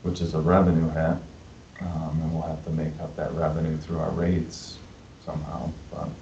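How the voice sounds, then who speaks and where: A man from a wastewater utility explaining things at a public meeting, pausing often with fillers. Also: extremely low pitch, monotone, gravelly, warm tone. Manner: hesitant, filler-heavy explaining. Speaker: wastewater utility staff member. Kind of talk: meeting discussion. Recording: echoey, dull meeting recording with faint hiss.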